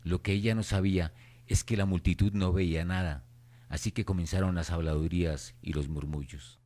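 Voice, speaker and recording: A man with a low voice serves as narrator of a radio horror drama. He reads the scripted story as third-person narration. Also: fairly even intonation, normal speed, dark tone.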